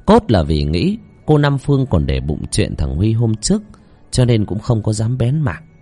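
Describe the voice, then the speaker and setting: A man telling a village horror story in a dramatic, expressive voice. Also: on the low side, normal speed, slightly rough, soft background music.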